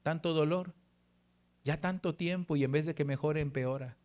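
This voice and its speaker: A middle-aged man, a pastor preaching a sermon built on a personal story. He talks earnestly and slows down and softens when he quotes Bible verses. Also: a little high.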